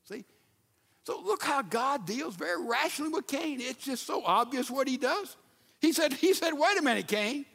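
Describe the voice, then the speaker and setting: A male pastor preaching a sermon, emphatic, with sudden loud bursts and repeated rhetorical questions. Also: extremely high pitch, animated, normal speed, vocal fry, long reverb tail.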